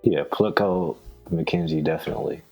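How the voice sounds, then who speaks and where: A man co-hosting a podcast, chatting casually and excitedly about his team, bragging with frequent laughs. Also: deep voice, normal speed, soft background music, rough recording. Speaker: podcast co-host. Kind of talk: casual sports chat.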